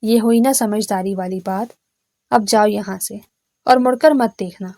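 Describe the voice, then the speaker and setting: A woman's voice: mid-range voice, mellow, no room sound, clean studio sound, natural voice. A woman voicing a menacing young man who is a thief, with a threatening manner.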